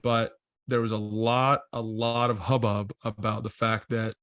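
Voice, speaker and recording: A man's voice: lowish voice, flat delivery, unhurried, a bit bright, dry recording. A man co-hosting a podcast in casual chat, rambling and correcting himself as he thinks aloud. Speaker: podcast co-host.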